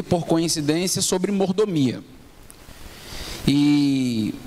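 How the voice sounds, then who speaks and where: A man's voice: fairly high pitch, a little mellow. A man, a pastor preaching as a guest, telling a personal story in a conversational way. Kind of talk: sermon. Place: church hall. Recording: long hall reverb, faint background noise.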